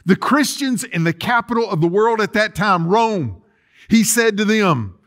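This sermon comes from a middle-aged man whose high, animated voice has a fairly bright tone and a measured pace. Standing in a church sanctuary with empty chairs, he reads scripture aloud and leads call-and-response, having the congregation repeat after him.

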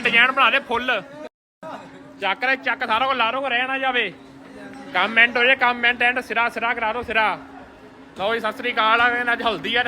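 A man's voice: high voice, bright, forceful tone. A man with a Punjabi accent hosting a casual vlog with exclamatory, slangy commentary and banter. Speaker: family vlogger hosting a wedding event. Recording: busy outdoor recording with crowd chatter. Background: crowd chatter outdoors.

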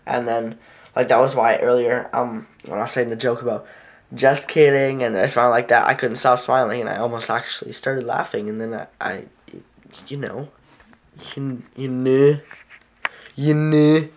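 A man's voice: medium pitch, steady tone, normal speed. A man who is sick, chatting casually in a vlog as he edits videos, rambling with lots of fillers and correcting himself. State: sick, with a sickly voice. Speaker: vlogger. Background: faint music playing.

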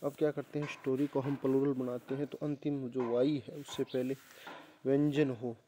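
A man's voice: mid-range voice, little pitch movement, normal speed, mellow, slight background noise. A male teacher going through an exam paper, repeating questions back to his students and spelling words out letter by letter. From India.

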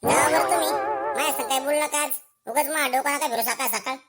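Sex: woman. Figure: a woman voicing a lazy schoolboy who talks back. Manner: whiny and sly, high and piercing. Style: comedy sketch. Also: fast, fairly bright tone, soft background music. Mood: whining. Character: lazy cheeky schoolboy, fakes illness. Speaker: main character.

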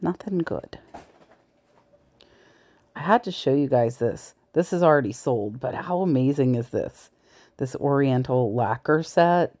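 Expressive and warm, with a rumbling low voice, a thrift reseller talks viewers through her browse of a large thrift store, taking her time and pausing often. She occasionally whispers during this casual shop-with-me narration. The audio comes from a body-worn camera mic, point of view.

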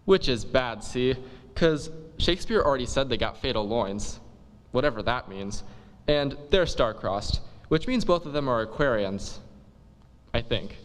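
A man delivers a comic monologue in relaxed dude slang, peppering it with "like". His voice sits at an ordinary middle pitch. A long reverb follows his words, as in a big hall. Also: measured pace. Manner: laid-back slangy dude talk with many "like"s. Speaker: comic performer. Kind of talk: comic monologue retelling a play.

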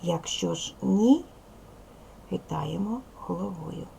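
A woman teacher giving a video lesson to young children, speaking slowly and clearly, asking them questions patiently. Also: lowish voice, lively intonation, heavy background noise. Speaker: primary school teacher.

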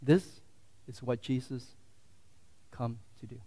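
A pastor in church, speaking slowly at a medium pitch with a steady tone, swings between loud, fervent declarations and hushed asides during his sermon.

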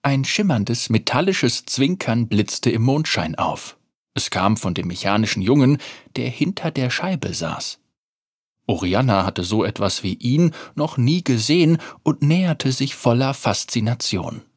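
Narrator with a lively, singsong read. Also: mid-range voice, a little slow, husky, no echo, clean studio sound. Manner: expressive, lively storytelling. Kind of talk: scripted storybook narration.

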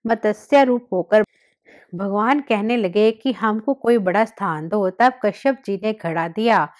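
A woman's voice: medium pitch, unhurried. Woman reading devotional scripture aloud. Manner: steady recitation with occasional slips and restarts. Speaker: narrator.

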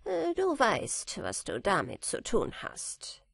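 A woman's voice: medium pitch, huge pitch swings, slow pace, gravelly, fairly bright tone, husky, no room sound, studio quality, heavily acted. Woman doing a sly little fairy man. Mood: knowing.

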